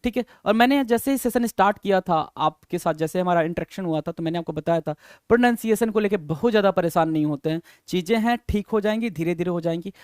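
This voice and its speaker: Male vocab teacher, high voice, repeats words to drill them in. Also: fast talker, a little mellow, clean tone, no echo, clean studio sound. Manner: repetitive, coaxing, addresses learners as sir and brother. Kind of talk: vocabulary lesson.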